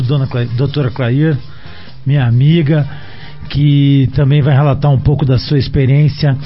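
Male host, Brazilian Portuguese accent, highish voice, effusive and flowery, dull lo-fi audio. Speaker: programme host. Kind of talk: informal spoken introduction of guests.

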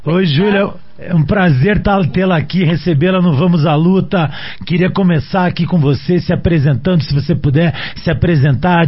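A man's voice: on the high side, husky, dull audio. A man with a Brazilian Portuguese accent, hosting a programme and introducing guests informally in an effusive, flowery way. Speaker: programme host.

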